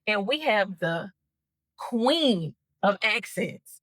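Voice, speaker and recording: A woman's voice: medium pitch, expressive, very slow, a bit bright, dry recording. A woman hosting a casual interview, hyped and encouraging, talking in a slangy way. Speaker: host.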